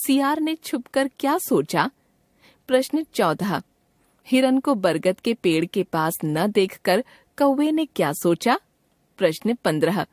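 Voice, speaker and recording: A woman reading a school textbook lesson aloud in a measured, even way. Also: mid-range voice, no room sound, clean studio sound. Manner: measured, evenly paced reading. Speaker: textbook narrator. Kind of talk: scripted educational reading.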